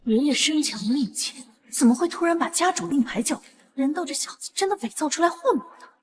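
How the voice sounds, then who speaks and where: A woman's voice: sits high, lively intonation, quick pace. An actress playing a stern, commanding chairwoman, eldest daughter of a powerful family. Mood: uneasy.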